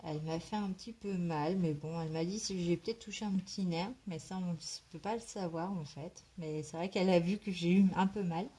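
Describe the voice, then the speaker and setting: A woman's voice: lowish voice, fairly quick, few pauses, dark tone, husky. A woman chatting casually to her vlog while she colours, hesitant and rambling as she thinks aloud. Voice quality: slight smoker's cough. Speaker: craft vlogger colouring in a book.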